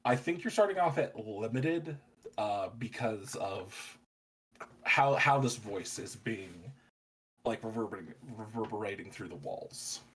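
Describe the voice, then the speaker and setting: A man's voice: lowish voice, expressive, a little slow, fairly bright tone, a little hiss or hum, low-quality recording. A man narrating as game master of a tabletop role-playing game, describing scenes in a cinematic way.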